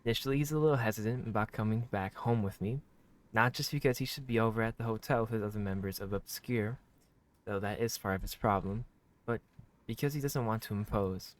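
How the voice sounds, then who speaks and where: Fairly low in pitch and brisk, a male let's player works through a visual novel, reading lines out loud. His reactions are casual and slangy, gushing at times and peppered with swearing.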